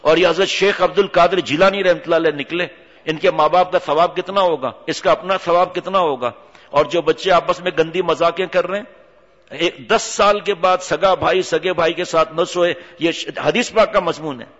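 Preacher guy scolding w lots of rhetorical questions, highish voice, echoey hall. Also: steady tone, fairly bright tone. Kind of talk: sermon. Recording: reverberant hall, dull lo-fi sound.

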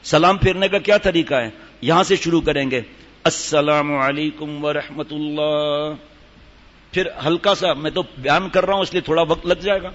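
A man's voice: on the high side, fairly bright tone. An older man giving a sermon to a gathering, telling stories and demonstrating recitation. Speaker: religious teacher. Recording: dull hall reverb.

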